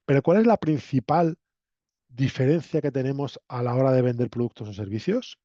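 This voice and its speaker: He speaks at a moderate pace in a warm, mid-range voice, a university lecturer from La Mancha, Spain with a Castilian accent. Addressing students, he keeps it conversational yet instructive, often adding quick tag questions. The recording sounds dull and lo-fi with a roomy echo.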